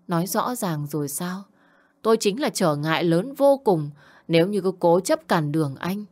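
A woman reading a first-person story aloud in a soft, subdued, sorrowful way. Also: on the low side.

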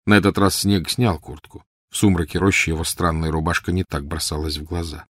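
A man reading a novel aloud in a calm, measured narration. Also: sits low, breathy edge, no echo, studio quality. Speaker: audiobook narrator. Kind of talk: scripted narration.

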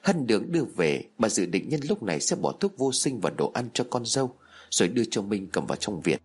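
Husky male horror storyteller. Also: lowish voice, big pitch swings, brisk, a little mellow. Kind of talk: dramatic scripted horror story narration.

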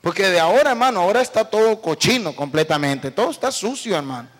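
A male pastor preaching a fervent sermon, swinging between loud calls and hushed asides. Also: sits high, lively intonation, fast. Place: church. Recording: preacher with long church-hall reverb, faint music.

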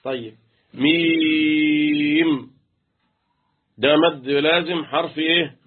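A man's voice: a little high, fast talker, slightly rough. A man with an Egyptian accent teaching Quran recitation rules, quizzing his students and chanting letters. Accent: Egyptian Arabic. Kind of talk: interactive tajweed lesson. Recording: tinny phone-like line.

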